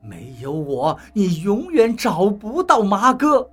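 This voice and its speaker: A woman voicing a sly, cold woman in an audiobook story, speaking low, hushed and contemptuous. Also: big pitch swings, a little slow, slightly rough, faint music behind, exaggerated voice. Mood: cold, scornful.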